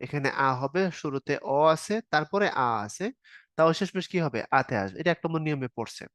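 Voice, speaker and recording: A man's voice: on the high side, expressive, brisk, fairly bright tone, no room sound, studio quality. A man teaching a grammar class online, explaining step by step in an informal spoken style and asking the students questions. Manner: informal spoken style, casual verb forms. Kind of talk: online exam-prep lecture.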